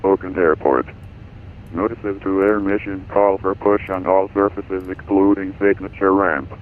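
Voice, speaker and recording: Deep male airport weather broadcast over radio. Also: unhurried. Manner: even, clipped recorded announcement reading. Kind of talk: automated airport information broadcast. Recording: tinny radio band with faint hiss.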